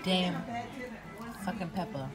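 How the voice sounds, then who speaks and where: Young woman, loose laughing vlog chat over loud background music. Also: on the low side, slow. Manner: loose, laughing, swears freely, talks to camera. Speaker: vlogger. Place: restaurant, then car.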